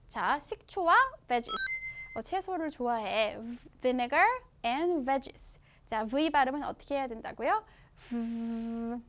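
A young Korean woman leads a children's English lesson from a picture book, her voice pitched high and swooping up and down as she teaches. She draws each English word out very slowly, then races through her explanations, cheering the listener on. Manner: slow, drawn-out English words, quick Korean explanations.

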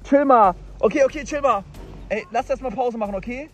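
A young man vlogging from a boat on cold water, loud and exclaiming to his viewers, freezing and shivering. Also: extremely high pitch, brisk, soft background music. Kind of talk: excited outdoor challenge vlog.

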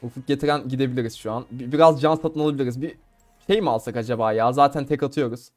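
A man's voice: medium pitch, fast, darkish tone, faint music behind. A young man from Turkey giving casual, playful commentary on his own gameplay, laughing and talking to viewers. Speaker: gamer streamer.

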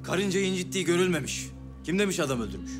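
An actor playing an outspoken, indignant villager in a historical drama, blunt and agitated. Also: male voice, sits high, expressive, rapid-fire, music in the background.

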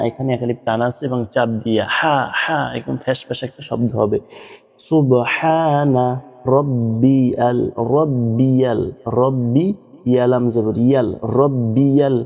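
Man slowly teaching prayer recitation, dark mellow voice, long echo tail. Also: medium pitch. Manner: slow, drawn-out demonstrations of pronunciation. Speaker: religious teacher.

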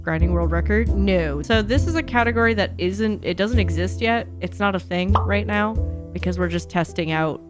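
Indoors in a small home streaming room, a young woman who streams and speedruns video games chats casually as she plays. Her voice sits fairly low, and she is candid and sweary, thinking aloud into a close microphone.

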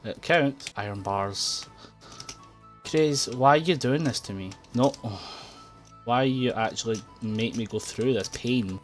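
A young man narrating his own gameplay, quick to frustration and laughter, at a desk mic near his keyboard. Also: mid-range voice, faint music behind. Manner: excitable, frustrated outbursts and laughing. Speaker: gaming YouTuber. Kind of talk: let's play commentary. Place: home room at a computer.

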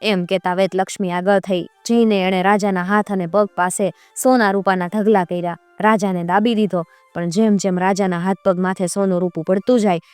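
A woman narrates a folk tale in a measured, rhythmic cadence. Her voice is smooth and mid-pitched, recorded close and dry with soft music beneath. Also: dry recording. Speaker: storyteller.

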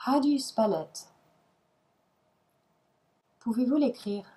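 A woman's voice: a little high, lively intonation, takes it slowly, dark tone, poor audio. A woman reading short phrases for a language lesson, each one followed by its translation. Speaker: language teacher.

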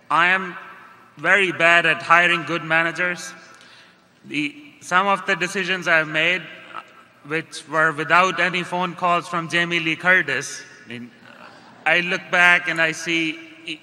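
A man's voice: a little high, bright, forceful tone. A man in the audience asking a question at a shareholder meeting, self-deprecating and trailing off. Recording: long hall reverb.

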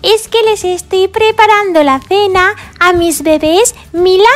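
A woman from voicing a cheerful little girl pig who fusses over her baby dolls in a sing-song, drawn-out way. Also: extremely high pitch. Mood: doting. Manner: sing-song, fussing and doting, drawn-out words.

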